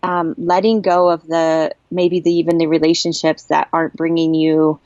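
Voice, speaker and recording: Guest woman, earnest and emotional, lower voice, halting speech, dull dry lo-fi recording. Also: little pitch movement, a little mellow, no room sound. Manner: earnest, halting, with frequent restarts; emotional, gets worked up. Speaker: podcast guest. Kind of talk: personal storytelling in a podcast interview.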